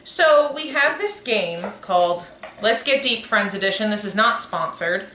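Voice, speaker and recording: With a medium pitch, lively intonation and a slightly slow pace, a woman in her twenties co-hosts a podcast in a sharp tone. She chats casually, wandering off and correcting herself. The recording has an echoey room and faint noise.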